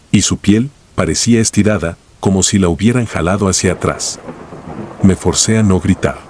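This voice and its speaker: A man narrates a scripted first-person horror tale. His voice sits very low and has a husky, rough-edged grain. He tells the story in a slow, grave way. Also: a little mellow.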